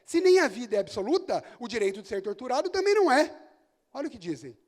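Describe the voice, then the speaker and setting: A man with a Brazilian Portuguese accent giving a lively conference lecture on law, firing rhetorical questions at the audience and telling jokey stories. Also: very high voice, fast.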